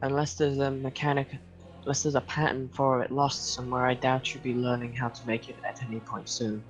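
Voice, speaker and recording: A man's voice: medium pitch, level tone, brisk, low-quality recording. A man playing a tabletop roleplaying game, talking casually in and out of character. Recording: music playing behind the voice.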